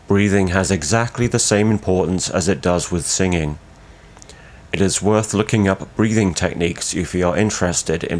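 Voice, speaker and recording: A man narrating a scripted vocal tutorial in a formal, measured, explanatory way. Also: deep voice. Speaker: growling tutorial instructor.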